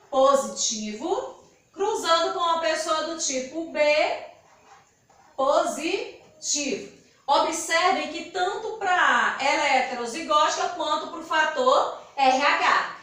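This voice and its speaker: A woman's voice: sits high, fairly bright tone. A woman teacher, explaining a lesson step by step and asking and answering her own questions. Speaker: biology teacher. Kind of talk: recorded classroom lesson at a board. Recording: very echoey room, voice far from mic.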